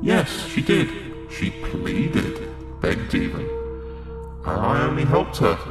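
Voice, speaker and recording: In an audio drama, a man plays a sadistic otherworldly villain who feeds on mortals, taunting in a mock-polite way and drawing out his words. His medium-pitched voice is gravelly, very animated and slow, heavily acted, and it echoes beneath loud music.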